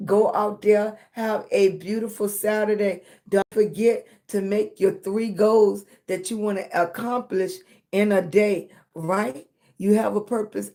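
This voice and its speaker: A mellow, mid-range female voice belongs to an American livestream host and content creator leading a motivational chat. She encourages her viewers emphatically and affectionately, often checking in with them and using pet names like baby and sweetie.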